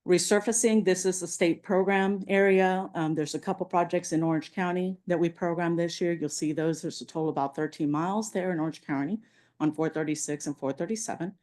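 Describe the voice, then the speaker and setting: A woman gives a slide presentation at a public meeting. Her voice sits fairly low and has a warm, mellow, relaxed tone. She moves through the material steadily, with frequent "um"s and small restarts. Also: a little fast. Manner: walks through slides with many fillers. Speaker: transportation agency presenter.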